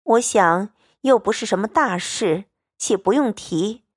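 A woman reading the part of a composed, tactful young noblewoman who explains herself calmly in a storybook reading. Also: medium pitch, unhurried, slightly rough, dry recording, studio quality.

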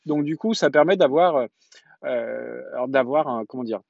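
A man in his thirties or forties telling a personal story in a casual podcast monologue, halting often on fillers and restarts. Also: mid-range voice, gravelly, no echo, narrow, tinny audio. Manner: hesitant, chatty storytelling with many fillers and restarts.

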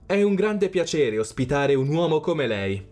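A high, strained voice of a rich, haughty man in a storybook tale, as a male narrator puts him on. He talks loudly and well above the reader's own pitch, with faint music behind. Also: very animated, unhurried. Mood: fawning. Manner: loud and pleading, high-pitched. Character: rich haughty man who turns humble.

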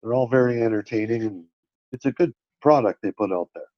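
A man's voice: mid-range voice, a little fast, no echo. A man co-hosting a podcast, chatting casually and agreeably, often restarting his sentences. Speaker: podcast co-host. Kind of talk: casual wrestling chat. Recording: dull, dry lo-fi sound.

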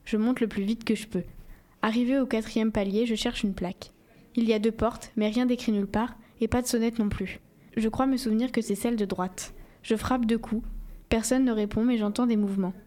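A woman reading a first-person novel aloud in a steady, measured storytelling voice. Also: fairly high pitch. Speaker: audiobook reader.

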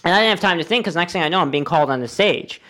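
Animated young man telling a story. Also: a little high, very fast. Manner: animated storyteller, swearing, lots of fillers. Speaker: guest comedian. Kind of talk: casual podcast chat, storytelling.

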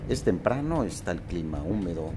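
A man who hosts a daily reflection, telling a parable and encouraging listeners in a gentle, preaching way. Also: deep voice, big pitch swings, moderate pace, music in the background. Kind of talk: motivational reflection.

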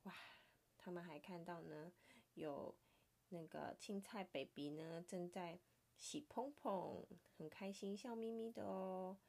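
A woman with a Taiwanese Mandarin accent reading a picture book aloud to her child, playful and animated, sometimes dropping to a soft whisper. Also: fairly low pitch, slow pace, vocal fry.

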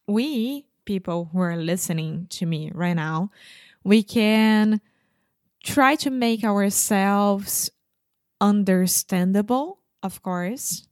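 Brazilian woman speaking careful, halting English. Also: medium pitch, darkish tone, no echo, clean studio sound. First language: Portuguese. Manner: careful, halting English with restarts and searching for words. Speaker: podcast co-host. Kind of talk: casual podcast chat.

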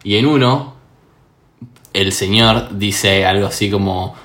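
A man's voice: fairly low pitch, slow pace, a bit bright, roomy sound. A young man co-hosting a casual chat, who laughs easily and sounds sheepish. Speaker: podcast co-host.

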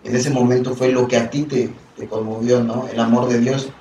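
A man talks in a relaxed group chat, leaning on fillers as he goes. He sits back from the mic, and the room gives his voice a noticeable echo. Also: mid-range voice, moderate pace, distant mic, dull audio, a little hiss or hum. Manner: talkative, fillers like "o sea" and "pues". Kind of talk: casual chat.

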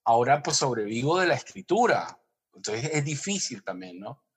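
A man from Colombia's Caribbean coast, with that region's Spanish accent, speaking reflectively as an author in an interview, halting and often rephrasing. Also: mid-range voice, very animated, husky.

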